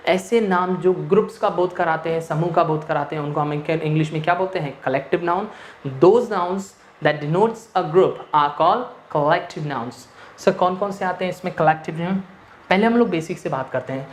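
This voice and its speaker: A man's voice: on the high side, brisk. A male English grammar teacher lecturing in a mix of Hindi and English, posing rhetorical questions and answering them himself. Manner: switches between Hindi and English mid-sentence. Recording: echoey room with faint noise.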